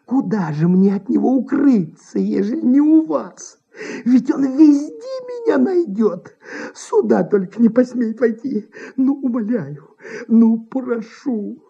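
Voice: medium pitch, lively intonation, takes it slowly, vocal fry, mellow, slightly rough, voice pushed up, full character voice. A performer voicing a cowardly old man theatre manager who wheedles, sobs and giggles, in a dull old radio recording. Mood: pleading. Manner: whiny, wheedling, sobbing and giggling. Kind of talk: 1950s staged story reading.

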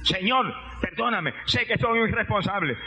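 Brief: a preacher playing a remorseful young son, crying out, high-pitched. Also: male voice, lively intonation, moderate pace, full character voice. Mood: pleading. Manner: pleading, then shouting in joy. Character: young man, wayward son turning to faith. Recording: dull lo-fi recording, faint music.

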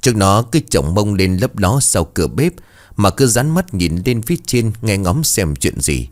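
A man narrating a dramatic story in an expressive, measured way. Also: lowish voice.

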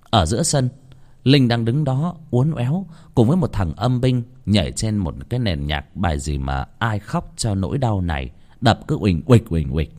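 A man tells a ghost story with expressive delivery. His voice is fairly low but moves a lot in pitch. He sounds engaged in the tale. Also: normal speed.

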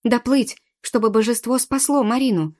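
A woman's voice: on the high side, normal speed, darkish tone, pitched above the performer's own voice, close to an everyday voice. A woman voicing a frightened but brave young boy who cries out desperately while rowing.

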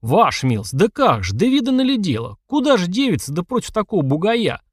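A man's voice: sits high, sing-song, fairly quick, a bit bright, husky, dry recording, studio quality, voice pushed up, exaggerated voice. A man voicing a fretful, fawning commoner who runs street fights, whining and nearly shrieking.

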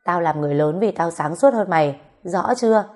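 A woman voicing a blunt, foul-mouthed grown woman who scolds roughly in a storybook reading. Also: fairly low pitch, animated, fairly quick, a little mellow, natural voice. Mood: scolding. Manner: rough, scolding, swears freely.

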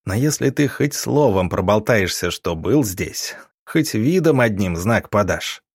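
A man voicing a calm, cunning doctor who speaks in measured, deceptively kind tones. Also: lowish voice, breathy edge, no echo, studio quality, full character voice. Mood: scheming. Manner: calm, measured, turning cold.

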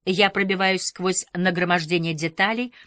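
Low-voiced woman reading a novel. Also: steady tone, a bit bright, no room sound. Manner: measured, reflective reading. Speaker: audiobook reader. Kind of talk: literary audiobook narration.

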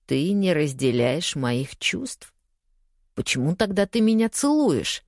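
A woman's voice: low-pitched, very animated, slow pace, a little mellow, no room sound, clean studio sound, heavily acted. A woman reading an audiobook, voicing an angry, pushy young man who growls and snaps his lines. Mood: accusing. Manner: gruff, growling.

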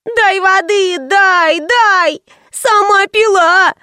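A woman's voice: very high voice, extremely slow, pushed and bright, no room sound, studio quality, pitched above the performer's own voice, full character voice. A woman voicing a cranky five-year-old girl who whines and wails, in an audiobook. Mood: whining. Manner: whining, wailing.

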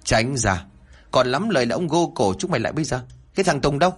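A man voicing a cruel, lecherous old village chief who bosses people around in a husky voice. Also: medium pitch, expressive, fast, soft background music. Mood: bossy. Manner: bossy, barking orders, then oily and coaxing.

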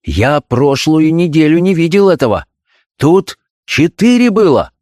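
A man's voice: fairly high pitch, big pitch swings, a little slow, darkish tone, long reverb tail, voice pushed up. A man voicing a distraught middle-aged doctor and father in a spoken story, agitated and near tears.

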